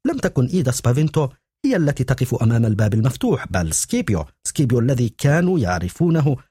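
A man reads a novel aloud in a steady storytelling manner. His voice is mellow and a little husky, and it rises and falls with the story. The sound is close and dry. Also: mid-range voice, very fast, no room sound. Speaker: audiobook narrator. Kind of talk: scripted narration.

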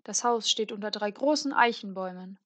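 A woman voicing a cheerful little girl in a red cap, speaking brightly and eagerly. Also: medium pitch, a little fast, natural voice.

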